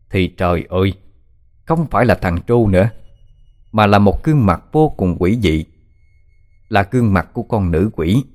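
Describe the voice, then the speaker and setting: A man's voice: lowish voice, darkish tone. A man narrating a horror story in a dramatic, suspenseful way.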